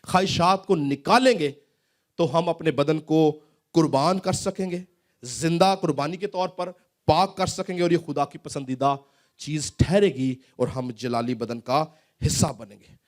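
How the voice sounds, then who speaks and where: A male pastor preaching a sermon in a church hall, asking rising questions and then dropping his voice low.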